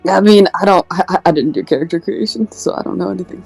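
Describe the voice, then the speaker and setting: A man's voice: high-pitched, fast talker, vocal fry, darkish tone, breathy edge, faint music behind. A man playing a tabletop game, bantering casually with the group.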